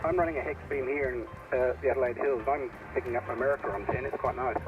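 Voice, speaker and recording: A man on a ham radio call, heard through a radio receiver, quickly giving his call sign and a signal report. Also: mid-range voice, fairly even intonation, soft background music. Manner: quick, matter-of-fact call-sign talk. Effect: voice heard over a ham radio receiver. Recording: dull lo-fi radio sound with static.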